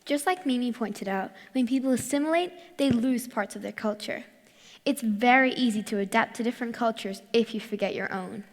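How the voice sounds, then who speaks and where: A teenage girl from Morocco and Australia giving a clear, rehearsed talk on stage. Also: a little high, a little fast, in a large hall. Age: teens. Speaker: youth speaker. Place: large hall.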